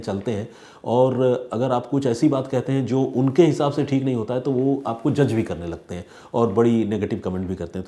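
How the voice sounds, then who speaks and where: A man who hosts a crime story channel, reading viewer comments aloud and sharing his view in a measured, conversational way. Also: medium pitch, warm tone.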